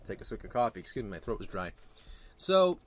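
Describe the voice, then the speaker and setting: A man with a fairly low voice talks casually as if in a gaming vlog. He is blunt and crude, swears freely, and rambles through his opinions, correcting himself as he goes. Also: rapid-fire, slight background noise. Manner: rambling, self-correcting delivery. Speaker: gaming commentator.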